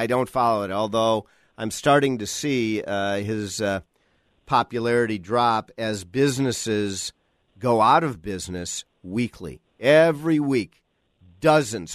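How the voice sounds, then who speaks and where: An American man hosting opinionated talk radio, halting and repeating phrases for emphasis as he goes. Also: medium pitch, no room sound, clean studio sound. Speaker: radio talk show host.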